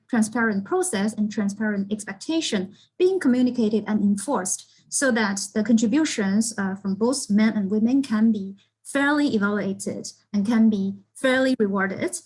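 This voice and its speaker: A woman's voice: medium pitch, a little mellow, husky, poor audio. A woman on an academic panel answering audience questions earnestly, with many fillers and restarts.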